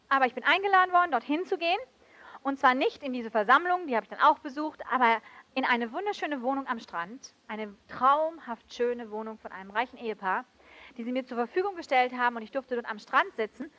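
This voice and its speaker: A woman preaching a sermon with emotive swings between loud outbursts and soft, hushed passages. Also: high voice. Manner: switches briefly into English.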